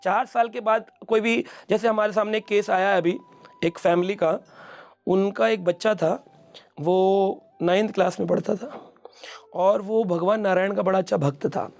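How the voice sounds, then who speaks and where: A man's voice: sits high, steady tone, normal speed, creaky. A middle-aged man, a spiritual speaker, explaining scripture in an interview and acting out quoted speech as he tells stories. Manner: storytelling, mixes English words, acts out quoted speech.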